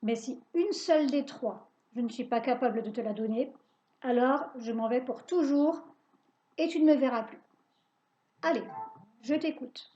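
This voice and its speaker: A woman voicing a sour, mean little old witch with a pointed, shrill voice and a mocking, sneering manner, in a dull lo-fi recording. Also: normal speed, long pauses, warm tone, natural voice. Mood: scheming.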